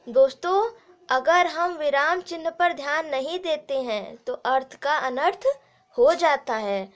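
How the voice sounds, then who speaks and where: A woman with an Indian accent teaching grammar, explaining slowly and repeating points while addressing viewers as friends. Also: high-pitched. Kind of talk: explanatory lesson.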